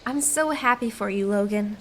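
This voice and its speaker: A woman's voice: mid-range voice, normal speed, fairly bright tone, a little hiss or hum, close to an everyday voice. An actress playing a friendly, earnest, chatty small-town woman in a family drama. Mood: pleased. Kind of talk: acted family film dialogue.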